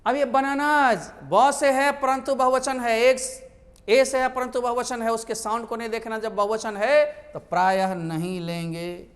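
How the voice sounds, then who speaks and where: A man's voice: very high voice, steady tone, unhurried, long reverb tail. A male teacher, explaining English grammar in a lecture. He asks his own questions and answers them.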